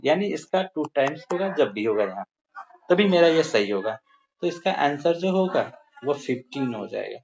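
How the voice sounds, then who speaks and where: A maths teacher walks the pupils through a lesson step by step, counting each sum out loud and calling them dear children. The voice is mid-range and darkish, and the recording sounds slightly muffled with faint hiss.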